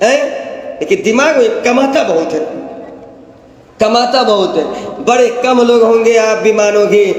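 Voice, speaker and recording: A man preacher giving a storytelling sermon in a conversational way, often asking the audience questions, recorded in a large echoey hall. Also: extremely high pitch. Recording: echoey hall with long reverb.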